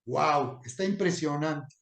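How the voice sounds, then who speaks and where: A man's voice: on the high side, takes it slowly, vocal fry, a bit bright, echoey room. A man preaching a sermon, retelling a story and voicing mocking taunts with dramatic emphasis.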